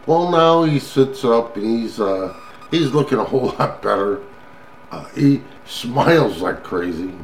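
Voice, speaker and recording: Slow-talking older man, noisy recording. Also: mid-range voice, expressive. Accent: American. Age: older, grandfather. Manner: folksy, chuckling, halting delivery. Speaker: vlogger. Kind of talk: rambling casual chat to listeners. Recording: clearly noisy background.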